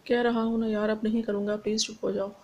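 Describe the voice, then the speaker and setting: A woman reading the lines of a serious, reserved young man who speaks softly and calmly, in an audiobook. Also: mid-range voice, fast, dull audio, close to an everyday voice. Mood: soothing. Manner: calm, reserved, soft-spoken. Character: young man, cool and serious, then gently teasing.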